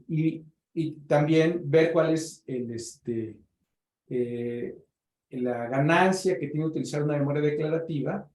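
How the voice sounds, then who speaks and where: A man's voice: a little high, darkish tone, roomy sound, low-quality recording. A man leading a research meeting, explaining patiently with fillers like "este".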